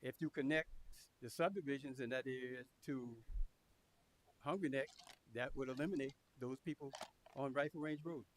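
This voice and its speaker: Over a faint hiss, a man with a mid-pitched voice delivers a public comment to a council. He speaks in measured, deliberate phrases as a community representative. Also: rough recording. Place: town council meeting room. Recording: clear background hiss.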